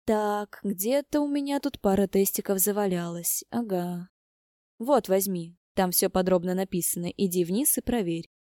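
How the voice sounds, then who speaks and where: A woman voicing a brisk, sarcastic young woman who bosses her friends around. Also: mid-range voice, mellow, no room sound, clean studio sound, lightly acted. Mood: bossy. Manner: sarcastic, bossy.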